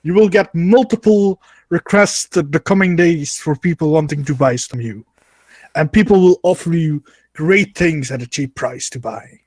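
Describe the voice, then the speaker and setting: A man voicing a grandiose genie, proclaiming theatrically with drawn-out words in a tabletop game. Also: fairly high pitch, a little mellow, no room sound, close to an everyday voice. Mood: grand. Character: grandiose male genie freed from a lamp.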